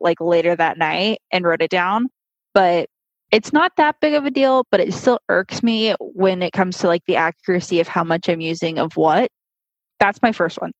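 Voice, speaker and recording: A woman's voice: lowish voice, no room sound. A woman co-hosting a podcast in a casual chat, slightly muffled because she speaks through a face mask. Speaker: podcast co-host. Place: hotel lobby.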